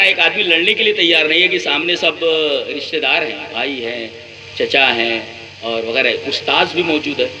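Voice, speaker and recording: A man, an Islamic scholar, giving a religious lecture, explaining point by point with rhetorical questions and slowly reciting verses. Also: medium pitch. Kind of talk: religious lecture comparing scriptures. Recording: noisy lecture recording.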